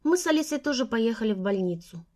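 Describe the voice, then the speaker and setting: A woman narrating a first-person story as an audiobook in a steady storytelling manner. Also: on the high side, fast talker.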